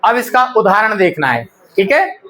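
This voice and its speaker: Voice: mid-range voice, very animated, moderate pace, a bit bright. A teacher explaining a lesson step by step and checking often that the class follows.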